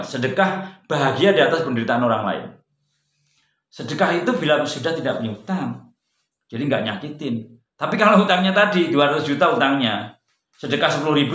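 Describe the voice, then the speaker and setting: A man giving an informal religious study talk, conversational, jumping from loud emphatic peaks to quiet, low asides. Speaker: religious teacher. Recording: roomy echo.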